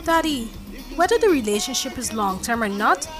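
Young adult daughter, outspoken and defensive, high animated voice, played by a woman. Domestic drama. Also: moderate pace, over music. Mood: indignant, defiant.

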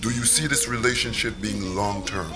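A man's voice: on the low side, normal speed, over music, lightly acted. An actor playing a middle-aged father in a domestic drama, stern and protective of his grown daughter. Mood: stern, probing.

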